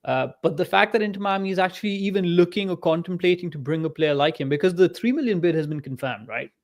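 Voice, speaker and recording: A man's voice: sits high, quick pace. Upbeat man with a raised voice. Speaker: podcast co-host. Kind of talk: casual chat.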